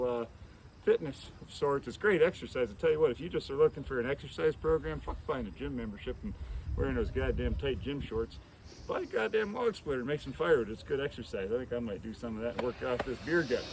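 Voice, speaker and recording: A man's voice: a little high, noisy background. A middle-aged man doing a casual product demo outdoors, talking in a blunt, folksy way with casual swearing, a little out of breath. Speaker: equipment demonstrator. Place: outdoors in a work yard.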